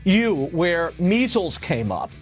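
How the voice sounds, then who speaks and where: A man in on-air banter as a TV commentator, halting and repeating himself. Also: high-pitched, big pitch swings, soft background music.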